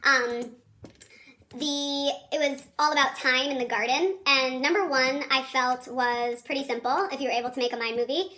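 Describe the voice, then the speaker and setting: A woman teacher speaks in a very high, squeaky chipmunk voice, as if on helium. The tone is bright and sharp. She guides a children's video lesson in a chatty, encouraging, informal way. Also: steady tone, normal speed. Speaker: elementary school teacher.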